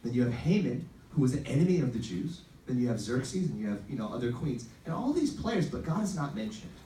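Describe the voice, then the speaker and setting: A man's voice: mid-range voice, very animated, brisk, warm tone. Upbeat male youth pastor in a roomy space. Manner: upbeat, conversational, acts out quoted lines. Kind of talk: informal youth sermon with storytelling. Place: echoey room, recorded at a distance. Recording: roomy, distant pickup with faint noise.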